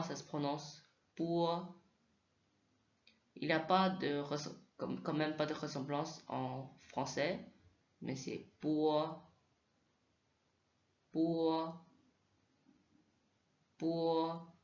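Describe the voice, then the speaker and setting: A man teaching Mandarin sounds in a slow spoken lesson, hesitating often and repeating each sound aloud for practice. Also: fairly high pitch. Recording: echoey room, slightly dull sound.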